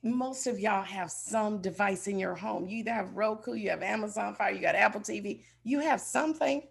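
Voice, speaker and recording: A woman's voice: medium pitch, normal speed, vocal fry, breathy edge. A woman giving a motivational business keynote with polished corporate enthusiasm, speaking emphatically and straight to her listeners. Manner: emphatic, addresses listeners directly.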